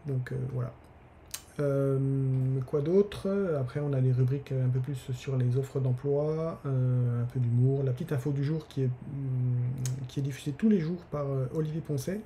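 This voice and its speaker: A man talks casually into a desk mic on a live stream, stopping often to hesitate and restart. His voice is very dark and mellow. A faint hiss sits under the recording. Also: mid-range voice, steady tone, moderate pace. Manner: hesitant, many fillers and restarts. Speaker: newsletter author hosting a live giveaway stream.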